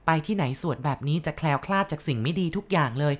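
A woman voicing a stern old grandfather who gives slow, solemn advice after his prayers, in a told story. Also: sits low, lively intonation.

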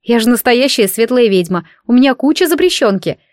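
A high, lilting young witch, chatty and coy, stretching her words with playful delight, as a woman reads her in an audiobook. The voice sits noticeably above a plain speaking tone, close and dry with no room sound. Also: animated, brisk, a little mellow, no room sound, close to an everyday voice.

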